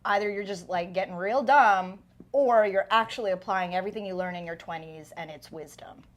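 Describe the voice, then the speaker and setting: A woman's voice: medium pitch, a little fast. A woman in her thirties hosting a casual interview, asking questions in a playful, chatty way. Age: 30s. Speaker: host.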